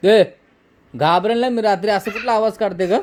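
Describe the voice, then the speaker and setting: A man in his thirties, a father and vlog host, gently and playfully questioning his small daughter in a casual home video. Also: sits high, moderate pace, a little hiss or hum.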